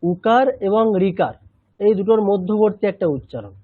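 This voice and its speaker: A high-pitched man leads a chanting lesson and patiently repeats syllables for his students. His voice comes through a narrow, tinny line. The sound is close and dry. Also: lively intonation, breathy edge, no room sound. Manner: patient, repeats sounds slowly, mixes in English. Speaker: Sanskrit chanting teacher. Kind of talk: online language lesson.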